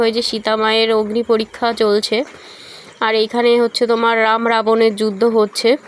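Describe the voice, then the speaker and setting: A young woman from West Bengal narrating a casual travel vlog, talking straight to her viewers with fillers and self-corrections. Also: on the high side. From West Bengal, India. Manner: chatty, addresses viewers directly, many fillers and self-corrections. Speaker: vlogger.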